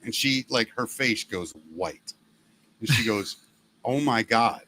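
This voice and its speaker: This casual podcast chat features a middle-aged host, once a radio DJ, whose loud, gravelly voice reflects his smoking past as he tells stories and impersonates people he quotes. Here he speaks slowly and animatedly in a mid-range voice, with slight background noise and poor audio.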